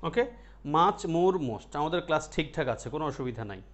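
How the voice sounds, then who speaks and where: A man's voice: fairly high pitch, expressive, brisk. A man teaching an online English grammar class, explaining step by step, repeating words and asking his students questions.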